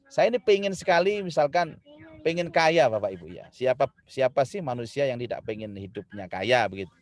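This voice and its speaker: A man giving a lively Islamic sermon to an audience, swinging from loud emphatic lines to quiet ones and addressing the listeners directly. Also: a little high, dry recording. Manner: lively, rising loud when building a point, then dropping soft; addresses the audience directly, acts out spouses' quarrels. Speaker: preacher.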